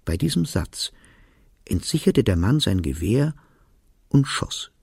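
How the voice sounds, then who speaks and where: Gravelly, husky male novel reader. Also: lowish voice, sing-song, dry recording, studio quality. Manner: quiet, measured first-person storytelling. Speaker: narrator. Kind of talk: literary reading of a novel. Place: radio studio.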